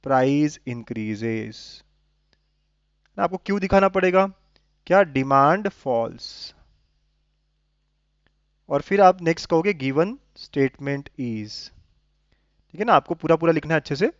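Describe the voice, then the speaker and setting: A fairly high-voiced man teaches maths, coaxing his students along and checking that they follow. The sound is dull and lo-fi, close and dry. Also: animated, slow pace, long pauses, clear, resonant tone, dry recording. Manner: coaxing, keeps checking understanding with tag questions. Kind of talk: explaining lesson to students.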